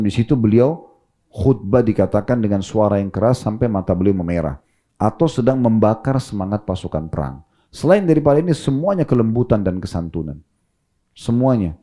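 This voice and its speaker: A man giving a calm, gentle sermon as an Islamic preacher, with rising emphasis on key points. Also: fairly low pitch.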